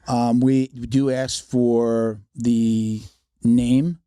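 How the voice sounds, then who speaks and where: A man's voice: medium pitch, little pitch movement, drawn-out words, warm tone, clean tone, no echo, studio quality. A man hosting a casual podcast conversation, rambling with many restarts.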